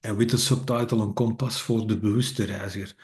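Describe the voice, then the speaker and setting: With a fairly low, steady voice and a slightly fast delivery, a Dutch-born middle-aged author and speaker presents casually in English to an online meetup. His talk is halting and packed with fillers and restarts, flavored by wry self-deprecation.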